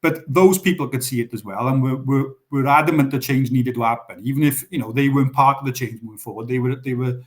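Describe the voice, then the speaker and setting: A man's voice: medium pitch, steady tone, fast, few pauses. A man with a Welsh accent, a guest in a live Q&A, explaining at length with frequent restarts. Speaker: guest on a pigeon racing show. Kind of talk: live Q&A discussion.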